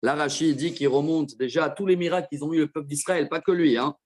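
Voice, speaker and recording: A man teaching a Torah class as a rabbi, explaining verses with quick asides to his listeners. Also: fairly high pitch, fairly even intonation, a little mellow. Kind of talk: Torah lesson.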